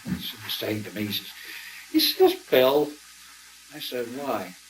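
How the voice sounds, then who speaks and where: An older man telling a long personal story as an interview guest, acting out quoted dialogue and clearing his throat now and then. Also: mid-range voice, huge pitch swings, slow pace, a bit bright, a little hiss or hum, poor audio. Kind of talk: conversational storytelling.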